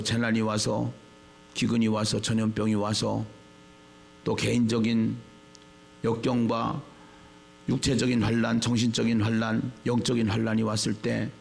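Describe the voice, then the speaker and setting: A male pastor preaching a sermon. He repeats phrases for emphasis and swings from low murmurs to shouted lines. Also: creaky, a little hiss or hum.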